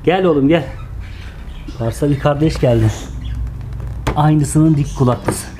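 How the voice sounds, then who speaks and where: A pet owner gently coaxing and scolding cats in singsong baby talk. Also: medium pitch, slow pace, a little hiss or hum.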